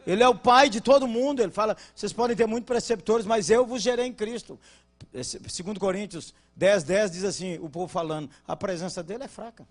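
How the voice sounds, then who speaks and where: A pastor with a Brazilian Portuguese accent preaches a conference sermon, joking loudly with the congregation and asking them to respond, then shifting into quiet, earnest teaching. His voice sits high and his pace is brisk.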